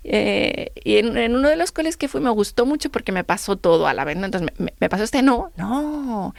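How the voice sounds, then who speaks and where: A middle-aged woman tells her stories on a radio show, acting out each exchange with animated retelling. Her voice has a gravelly edge. The sound is dry and close, with no room around it. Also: medium pitch, quick pace, no room sound. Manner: lively storyteller acting out dialogue. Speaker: guest. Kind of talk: radio interview storytelling.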